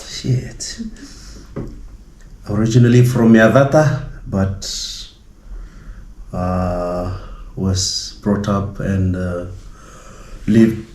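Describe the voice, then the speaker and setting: A man with a Fijian accent chatting casually as a vlogger, speaking in a halting, hesitant way. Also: low voice, fairly even intonation, a little mellow. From Fiji. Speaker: vlogger and street musician. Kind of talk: casual vlog chat. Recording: echoey room sound.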